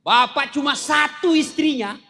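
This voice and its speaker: A man preaching a humorous sermon with animated storytelling and jokes. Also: extremely high pitch, unhurried, vocal fry. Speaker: Islamic preacher.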